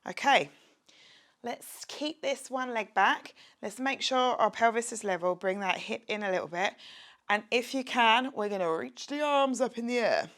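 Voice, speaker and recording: A woman's voice: on the high side, expressive, moderate pace, fairly bright tone. Woman, young, fitness instructor; upbeat, chatty home workout coaching, works out while talking. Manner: upbeat, encouraging, chatty with jokes; exercising while talking, drops to a whisper at times. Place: her home, near a street window.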